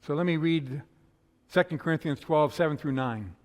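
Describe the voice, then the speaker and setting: A male pastor from the northern United States preaching a sermon in a quick, conversational storytelling way, with a slight lisp on his s sounds. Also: on the high side, darkish tone. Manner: fast-talking, conversational storytelling. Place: church sanctuary. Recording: long hall reverb.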